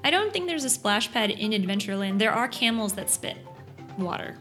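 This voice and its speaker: A woman's voice: medium pitch, big pitch swings, fairly quick, sharp tone, soft background music. A woman co-hosting a casual podcast, explaining things at length with lots of fillers. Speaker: podcast co-host.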